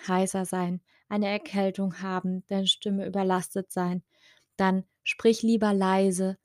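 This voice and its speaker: A woman speech and voice coach hosting her podcast, giving calm, gentle advice straight to the listener. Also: mid-range voice, no echo, studio quality. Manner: slow, gentle, addresses listener directly.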